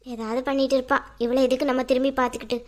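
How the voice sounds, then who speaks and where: A woman voicing a sharp-tongued older sister in a cartoon who mutters and grumbles in a lower voice. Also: level tone, rapid-fire, natural voice. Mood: grumbling.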